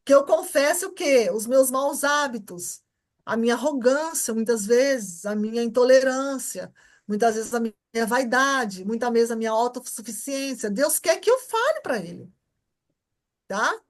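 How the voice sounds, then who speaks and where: A woman's voice: fairly high pitch, animated, measured pace. A woman with a Brazilian Portuguese accent teaching an informal Bible class at church. She repeats her points and keeps checking that the class understands. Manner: repetitive, keeps checking understanding with short tags.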